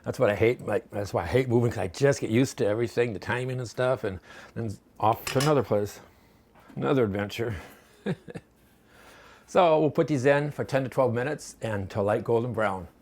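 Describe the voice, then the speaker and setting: A man's voice: mid-range voice, normal speed, a little mellow. Chatty man demonstrating a recipe at home. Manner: chatty, rambling, folksy. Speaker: home cooking vlogger.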